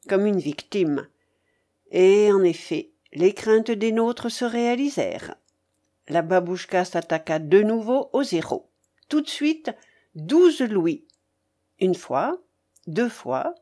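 A woman narrating an audiobook in a deliberate, expressive reading. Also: mid-range voice. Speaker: audiobook reader. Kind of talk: scripted narration.

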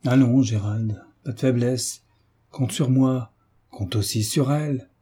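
A man voicing a steady, loyal young friend in a read-aloud novel, firm and reassuring. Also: medium pitch, slow pace, husky.

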